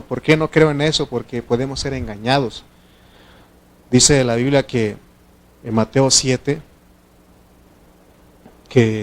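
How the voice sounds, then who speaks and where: Mexican pastor preaching with rhetorical questions. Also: male voice. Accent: Mexican Spanish. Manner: conversational preaching with frequent rhetorical questions to the congregation; acts out quoted prayers and dialogue with sudden louder, higher bursts. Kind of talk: sermon.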